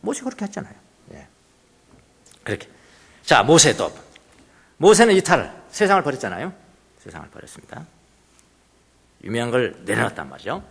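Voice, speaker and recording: Male pastor, sermon, emphatic and questioning, lively pitch, long hall reverb. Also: a little fast, gravelly, pauses often, slightly rough. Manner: emphatic, repeats phrases, asks the congregation.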